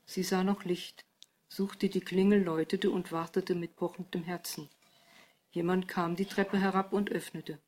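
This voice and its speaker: A woman narrating a novel in calm, even scripted storytelling. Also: lowish voice, normal speed. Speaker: audiobook narrator.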